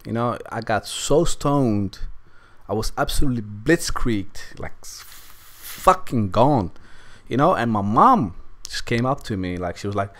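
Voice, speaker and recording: A young man casually telling a candid personal story over gameplay, rambling and swearing freely. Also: lowish voice. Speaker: let's play gamer.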